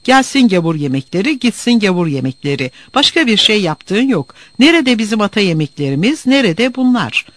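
A man's voice: sits high, sing-song, fairly quick, few pauses, a bit bright, no room sound, voice pushed up. A man voicing a scornful male friend who scolds in a mocking tone. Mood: scolding.

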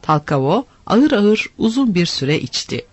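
A man narrating an adventure story aloud in an expressive, animated reading style. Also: high voice, unhurried, no echo. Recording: dry, slightly dull lo-fi.

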